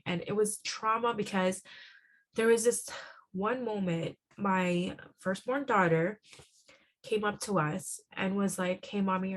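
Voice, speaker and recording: A woman speaking as a podcast guest, telling a personal story in an earnest, halting way, often repeating words and restarting. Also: medium pitch. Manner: earnest and heartfelt. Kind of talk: emotional personal testimony.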